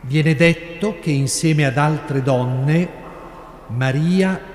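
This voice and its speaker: A middle-aged man with an Italian accent gives a sermon at an unhurried pace, weighing each phrase. His voice rings through a large church that lingers with a long echo. A faint hum of the sanctuary sits underneath. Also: a little high, a little mellow. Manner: slow, measured preaching with long pauses. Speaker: priest. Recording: echoey church with long reverb, live broadcast.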